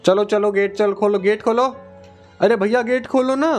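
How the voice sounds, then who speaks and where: A whiny little boy in a game video , played by a man nags and pleads to be let out. The voice sits high, with faint music behind it. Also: fairly even intonation, moderate pace, lightly acted. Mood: pleading. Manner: pleading, nagging.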